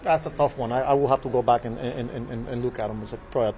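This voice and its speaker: A man in his forties, a baseball manager at a postgame press conference, speaking in a measured, halting way at a table mic in a small press room. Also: mid-range voice, mellow, slight background noise, low-quality recording. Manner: measured, halting, repeats words and fillers. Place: small press room before a sponsor backdrop. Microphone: table mic in front of him.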